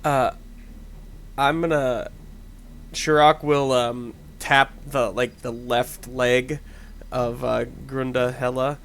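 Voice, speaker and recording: Slow, gravelly man chatting over a game. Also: medium pitch, level tone, a bit bright. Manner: hesitant, joking. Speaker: tabletop game player. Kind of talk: casual game chat. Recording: faint background noise.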